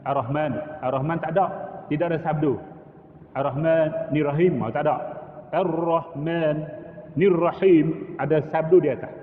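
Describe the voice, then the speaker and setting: A man's voice: fairly high pitch, fairly even intonation, moderate pace, a little hiss or hum. A middle-aged male religious teacher, lecturing in a mosque on correct recitation and chanting Arabic phrases as examples. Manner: demonstrates recitation, chanting Arabic phrases between plain explanation. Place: mosque hall. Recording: tinny echoey hall recording.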